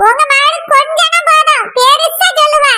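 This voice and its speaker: A stubborn, nagging village mother with a Kanyakumari accent, as a woman puts her on. The voice is very high and piping, like a cartoon character. Steady background noise sits under the recording. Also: moderate pace. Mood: insistent. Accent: Kanyakumari Tamil. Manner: pleading then reproachful, insistent. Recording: noisy recording.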